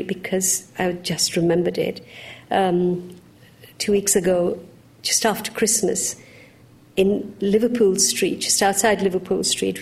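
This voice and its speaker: A woman from Uganda speaking on a panel, telling personal stories in a lively, frank way. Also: medium pitch, vocal fry. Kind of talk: anecdotal panel discussion.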